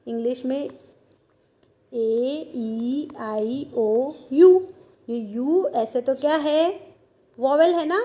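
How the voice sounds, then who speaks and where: Slow, high-voiced woman teaching. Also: warm tone. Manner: asks questions and answers them herself, repeats often. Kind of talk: classroom grammar lesson.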